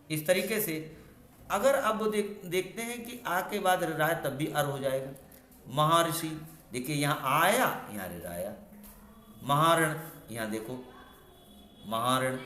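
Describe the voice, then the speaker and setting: A man teaching a grammar lesson at a board, explaining slowly and repeating words as he points things out. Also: a little high, fairly bright tone, slight background noise. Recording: echoey room.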